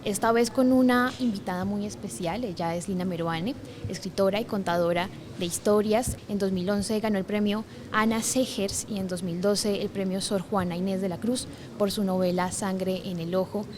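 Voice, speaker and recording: A woman's voice: mid-range voice, steady tone, normal speed, noisy background. A woman interviewer introducing a guest and asking formal questions, hesitating often with filler words. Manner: warm, hesitant phrasing with "eh" and "digamos".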